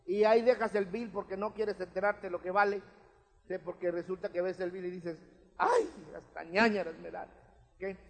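A man's voice: high-pitched, little pitch movement, a little fast. A man, preaching a sermon as pastor in a conversational way, often checking in with his listeners. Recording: long hall reverb.

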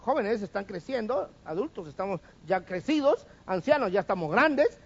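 High-pitched, animated male preacher. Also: moderate pace, husky, dull audio. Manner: asks the congregation rhetorical questions; has the listeners repeat after him. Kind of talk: sermon.

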